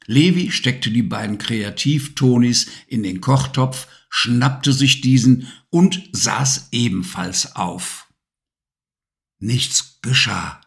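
A man reading a children's storybook aloud, calm and measured. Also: mid-range voice, vocal fry. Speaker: narrator.

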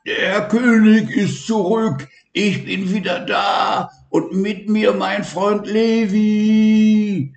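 A man's voice: fairly low pitch, lively intonation, takes it slowly, echoey room, highs cut off. A man voicing a proud, caring male lion king in a storybook reading. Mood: triumphant. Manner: reassuring, bold, loud roars.

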